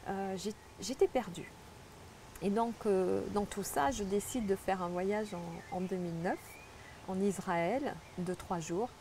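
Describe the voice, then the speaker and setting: In a conversational interview, a middle-aged spiritual guide from French Guiana earnestly reflects on her life story, often restarting as she goes. Her mid-range voice sounds warm and unhurried, with a little hiss or hum in the recording.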